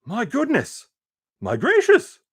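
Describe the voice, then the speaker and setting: A man reading a storybook aloud, voicing a crowd of astonished townspeople in a loud, squeaky falsetto. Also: huge pitch swings, slow, breathy edge, exaggerated voice. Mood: amazed. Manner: loud amazed exclaiming.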